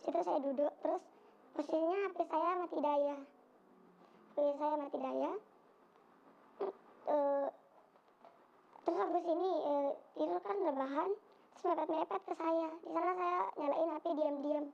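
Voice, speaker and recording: A young woman giving spoken testimony, halting and hesitant with many fillers, on a dull lo-fi recording. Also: high voice, steady tone, creaky. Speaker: interviewee recounting an assault.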